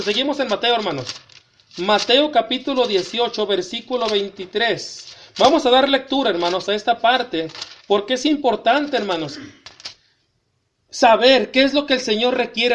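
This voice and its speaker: Man, pastor, very high pitch, emphatic sermon, scripture reading with commentary. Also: animated, fairly bright tone, slight background noise. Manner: repeatedly addresses the congregation as brothers, emphatic; reads scripture aloud slowly with commentary. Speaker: preacher.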